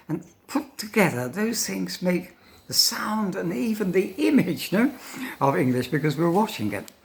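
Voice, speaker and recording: An older man giving an informal English lesson, thinking aloud in pauses and often tagging his points with a questioning "no?". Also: fairly high pitch, creaky. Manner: thoughtful, pausing, demonstrates intonation aloud; tags questions with "no?". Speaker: English teacher.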